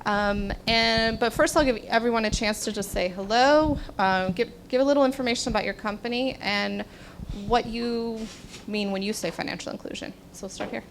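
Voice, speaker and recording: A woman's voice: on the high side, moderate pace. A woman from the United States moderating a live panel in an upbeat, conversational way on a handheld mic. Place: meetup event stage. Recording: noisy live event recording.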